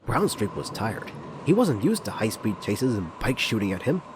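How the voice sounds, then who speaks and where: A man's voice: lowish voice, big pitch swings, moderate pace, noisy background. A man narrating a parody of a children's train story in storybook style, with music behind him.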